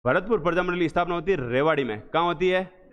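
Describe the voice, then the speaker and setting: A man teaching an exam revision class, asking questions again and again and answering them slowly and with emphasis. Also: a little high. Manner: drills students with repeated questions, slow emphatic answers. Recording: echoey hall, dull lo-fi sound.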